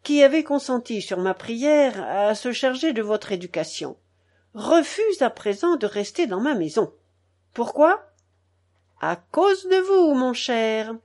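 A woman's voice: medium pitch, sing-song, unhurried, darkish tone. A woman reading the part of a stern elderly aristocratic grandmother who scolds coldly and with emphasis. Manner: cold, emphatic, scolding with raised voice.

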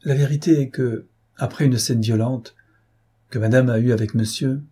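A man's voice: medium pitch, steady tone, normal speed, warm tone, husky, close to an everyday voice. A man reading aloud and voicing a devoted older governess who pleads in a trembling voice. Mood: imploring. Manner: trembling, imploring.

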